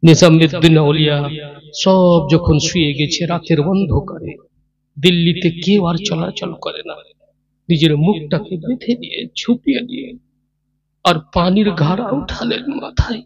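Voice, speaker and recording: A male preacher telling a story in a chanted, shouting sermon style at a religious gathering. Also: high voice, moderate pace, vocal fry, muffled recording, a crowd in the background. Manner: chanting and shouting, addresses listeners as father.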